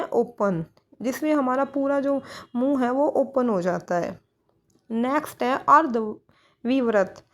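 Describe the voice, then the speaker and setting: In a high, fairly bright voice, a woman leads a grammar lesson aimed at exam students. She poses questions and supplies the answers herself, mixing English words into her Hindi.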